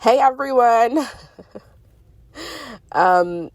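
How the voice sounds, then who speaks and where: A middle-aged woman with a congested voice on the high side describes her dreams from a parked car, speaking very slowly but expressively. As a spiritual vlogger in a rambling monologue, she's chatty and meandering, with frequent fillers and self-corrections. There's no echo.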